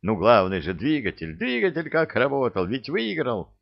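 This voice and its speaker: A man's voice: mid-range voice, moderate pace, creaky, dry recording, highs cut off, voice pushed up, exaggerated voice. A man doing a gleeful rambling old grandpa. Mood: excited. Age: older. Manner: excited, rambling.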